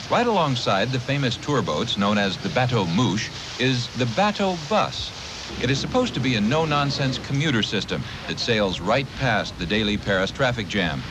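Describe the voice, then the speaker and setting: Wry male news correspondent, lively voice. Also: mid-range voice. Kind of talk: scripted news report. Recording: voice-over with noisy street and river ambience.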